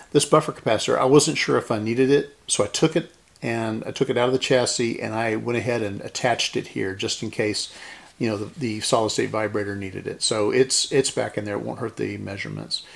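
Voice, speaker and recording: Hosting a radio restoration series, a man demonstrates a repair hands-on, explaining each step informally and methodically. His voice is mid-range and creaky.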